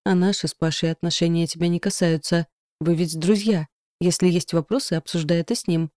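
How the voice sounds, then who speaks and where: A woman's voice: fairly even intonation, brisk, dark tone, no room sound, studio quality, lightly acted. A woman voicing a young woman who is frightened yet defiant, speaking shrilly. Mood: scared, defiant. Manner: shrill, challenging.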